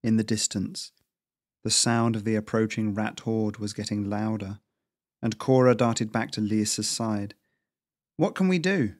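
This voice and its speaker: A man's voice: lowish voice, little pitch movement, a little slow, no echo, clean studio sound. A man hosting a podcast and reading his own fantasy flash fiction aloud, with a hesitant, filler-heavy intro. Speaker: podcast host and author.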